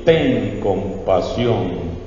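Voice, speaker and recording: A blind beggar man crying out and pleading, his voice pushed higher and louder, as a preacher puts him on. He sounds far from the mic in a church with long echo, on dull lo-fi sound. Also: lively intonation, extremely slow, a little hiss or hum. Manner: pleading, raised cry.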